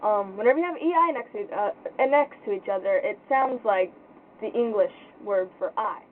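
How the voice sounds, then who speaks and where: A young woman giving an informal pronunciation lesson in a casual, halting way, thinking aloud as she explains. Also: medium pitch, lively intonation. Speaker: language tutor. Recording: tinny phone-like sound with faint noise.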